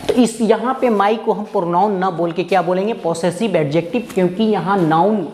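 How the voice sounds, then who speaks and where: A man teaching English grammar in a recorded lesson. He asks the viewer questions, answers them himself, and reads example sentences slowly. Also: high-pitched, darkish tone, slight background noise. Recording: echoey room with a long reverb tail.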